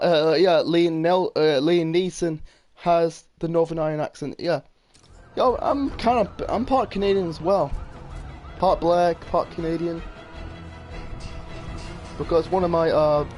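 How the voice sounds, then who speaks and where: A man from England giving casual, rambling commentary while playing a game, talking fast and swearing when things go wrong. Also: on the high side, a little mellow. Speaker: gamer commentator. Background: faint game music.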